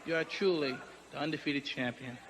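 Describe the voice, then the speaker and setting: A man's voice: fairly high pitch, fairly even intonation, fairly quick, heavy background noise. Man stiffly reading a cue card. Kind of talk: reading a scripted line aloud.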